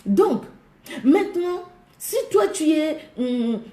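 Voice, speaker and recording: A woman's voice: high voice, very animated, takes it slowly, dark tone. Emphatic Congolese woman preacher, echoey. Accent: Congolese French. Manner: emphatic, repeats phrases, addresses listeners directly. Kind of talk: sermon.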